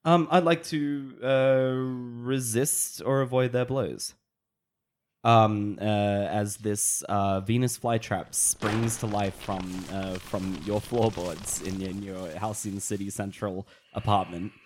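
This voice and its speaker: A man playing a tabletop role-playing game, describing his moves casually and haltingly, in fragments. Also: on the low side, steady tone. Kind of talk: casual improvised game play.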